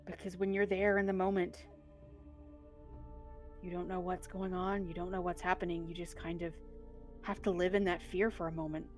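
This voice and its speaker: A woman voicing a kindly older male temple keeper who talks slowly and softly to reassure someone. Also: lowish voice, little pitch movement, faint music behind, close to an everyday voice. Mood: gentle, reflective. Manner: slow, soft-spoken, reassuring.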